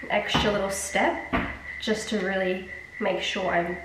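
A woman's voice: medium pitch, fairly even intonation, unhurried, noisy background. Woman, stuffy nasal voice, chatty and rambling, echoey bathroom, mic a bit far off. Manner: chatty, self-deprecating, rambling asides. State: congested, nasal from blocked sinuses. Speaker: beauty vlogger. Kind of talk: casual skincare vlog chat. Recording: echoey room, mic at a distance.

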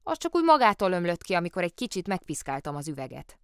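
A woman's voice: fairly low pitch, big pitch swings, clear, resonant tone, dry recording, clean studio sound. A woman voicing a cheeky storybook bear. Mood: cheerfully innocent. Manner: easygoing, innocent excuses. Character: cheeky good-natured male bear posing as policeman. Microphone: studio microphone.

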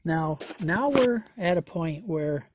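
A man doing a hands-on repair walkthrough outdoors, talking slowly and folksily with many fillers as he thinks aloud. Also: on the high side, expressive, slightly rough. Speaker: homesteader vlogger. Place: outdoors in a yard.

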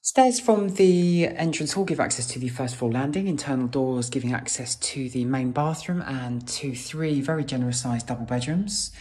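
A British man narrates a property tour in the gushing patter of an estate agent. His voice sits at a middling pitch. The sound is clearly echoey, as in bare, unfurnished rooms. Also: normal speed, few pauses, a little mellow. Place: inside and outside an empty new-build house.

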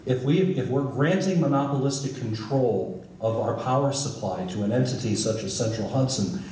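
A man's voice: medium pitch, moderate pace, warm tone. A middle-aged man at a public hearing, speaking at a podium mic and asking pointed rhetorical questions. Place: large hall with wooden stage. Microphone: podium mic on a stand. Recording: echoey hall from far off, noisy.

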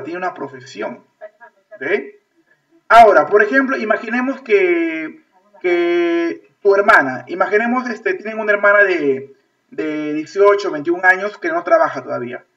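Bright-voiced Peruvian man teaching a class. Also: high-pitched, normal speed. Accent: Peruvian Spanish. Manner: repetitive, checks understanding with constant "ok?". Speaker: English teacher. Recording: distant, lo-fi video-call audio.

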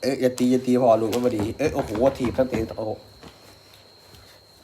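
A man's voice: medium pitch, moderate pace, very noisy. A young adult father, casually reading a picture book to his kids on a live stream and joking about his own mistakes. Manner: animated, jokey, laughs at his own misreadings.

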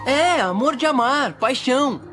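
Over music, a woman with a Brazilian accent dubs a cartoon, voicing a kind young male cricket hero who is earnest, lovesick, and sad. Her voice is high-pitched and expressive, and she speaks a little slowly.

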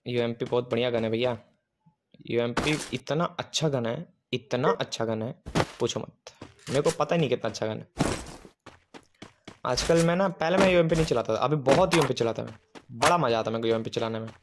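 Excitable male gamer with game gunfire behind. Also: mid-range voice, fairly quick, background noise. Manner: excitable, teasing enemies, rambling chatter. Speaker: gaming streamer. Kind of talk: live gameplay commentary.

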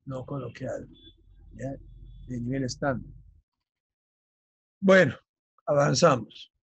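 A male teacher explaining vocabulary for an exam, often checking in with his students and slowly dictating key terms. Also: mid-range voice, creaky, breathy edge, no room sound, lo-fi sound. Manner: checks understanding with frequent "ya?". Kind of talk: vocabulary lesson for exam prep.

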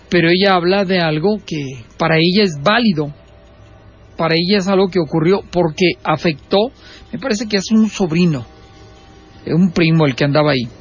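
High-voiced man hosting a radio horror show. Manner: conversational, hesitant, with many fillers. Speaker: radio host. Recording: lo-fi radio broadcast with faint noise.

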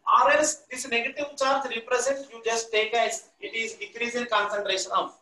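This very high-pitched male chemistry teacher, who has an Indian accent, speaks at a moderate pace with fairly even intonation and a sharp tone. Teaching a live online class at a classroom blackboard, he repeats himself and prompts listeners to complete his sentences. The sound is distant and echoey, taken from a camera mic across the room.

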